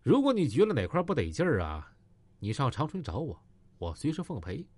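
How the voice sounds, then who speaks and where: A man voicing a cold, menacing tough man who speaks low and steady. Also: fairly quick, no echo. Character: cold tough middle-aged man, gangster ex-soldier.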